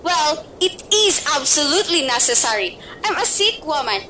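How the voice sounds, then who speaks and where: A woman's voice: high voice, sing-song, moderate pace, background noise. A young actress in a student radio play, voicing a fretful, demanding invalid woman who grows panicked. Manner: fretful, imperious, rising to panic. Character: frightened bedridden wealthy woman, demanding and nervous. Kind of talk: amateur radio play acting.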